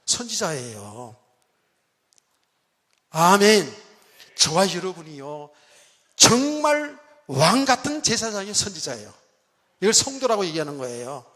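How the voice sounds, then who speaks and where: High bright-voiced man preaching in a reverberant church. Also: huge pitch swings, a little slow, pauses often. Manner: dramatic, acts out quoted speech, swings loud and soft; asks the congregation questions. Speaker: pastor. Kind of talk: sermon. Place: church sanctuary. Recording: long church hall reverb.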